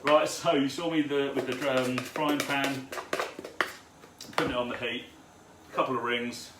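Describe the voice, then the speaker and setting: A man's voice: medium pitch, fairly even intonation, a little slow. Man, live cooking stream, swearing banter, echoey kitchen, noisy background. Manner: chatty, swears, banters with viewers. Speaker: home cooking host. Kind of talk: live cook-along stream. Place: home kitchen. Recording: roomy kitchen with background noise.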